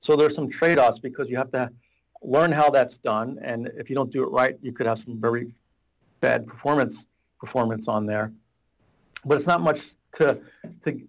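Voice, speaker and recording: A guest on a video call, this middle-aged man works as a data warehouse architect and talks from a small office room that has a whiteboard. He keeps a steady tone at medium pitch and normal speed, rambling, restarting and gesturing plenty in a casual explanatory interview, with low-quality webcam audio.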